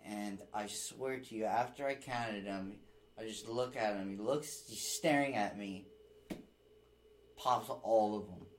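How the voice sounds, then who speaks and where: A young man, a podcast guest, telling animated stories with a lot of swearing in a casual chat. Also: on the low side, a little slow, slight background noise, poor audio. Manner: animated storytelling, heavy swearing.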